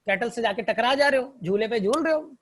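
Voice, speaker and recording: A man's voice: very high voice, animated, brisk, a bit bright. A male teacher tells a story to help students remember plant examples, fondly calling them "child" and checking often that they follow. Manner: fond, addresses students as child; repetitive, checks understanding. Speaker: biology teacher. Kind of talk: mnemonic storytelling lesson.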